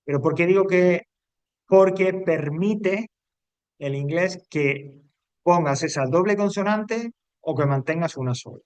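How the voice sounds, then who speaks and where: A man with a high-pitched voice speaks at a measured pace in a dry, close recording. He's an English teacher giving a grammar lesson, patiently repeating rules, moving step by step, and checking in with "¿vale?".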